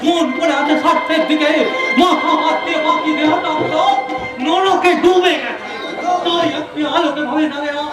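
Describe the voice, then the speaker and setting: A righteous, defiant son booms in a very high voice in folk-theatre style. The speech is oratorical and drawn out, ringing with heavy echo over loud music and crowd noise. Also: male voice, steady tone. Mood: righteous anger. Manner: booming, oratorical, dramatic drawn-out phrases. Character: righteous defiant son denouncing his corrupt father. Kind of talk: loud declamatory Bengali jatra stage acting.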